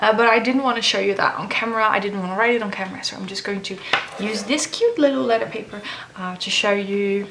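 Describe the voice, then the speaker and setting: Talking fast in a gravelly, medium-pitched voice, the woman hosts her how-to vlog casually despite a jaw swollen from wisdom teeth removal that makes her words come out a bit off. She's a letter-writing blogger and video host, recorded in an echoey room with a noisy background.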